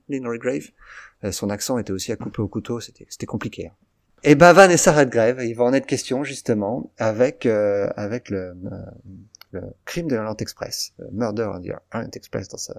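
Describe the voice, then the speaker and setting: A man co-hosting a film podcast, giving blunt opinions with frequent stammering restarts. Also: on the low side. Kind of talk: casual film review chat.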